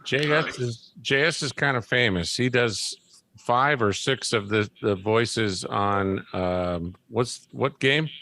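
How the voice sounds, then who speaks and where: A man's voice: mid-range voice, slow pace, creaky, bright, forceful tone. A man hosting a podcast, chatting eagerly with his guests. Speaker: podcast host. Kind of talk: casual podcast chat.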